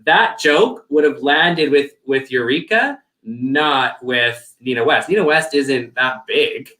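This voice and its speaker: A man co-hosting a casual review chat, hedging and thoughtful, whose voice is going hoarse with frequent throat-clearing. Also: mid-range voice, slow, bright, forceful tone. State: losing his voice, throat-clearing. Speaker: co-host.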